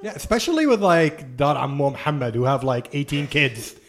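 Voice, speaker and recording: A man's voice: on the high side, lively intonation, brisk, a bit bright. A man chatting casually and joking as a podcast co-host, laughing often. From grew up between the Gulf, Jordan and Canada. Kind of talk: casual chat.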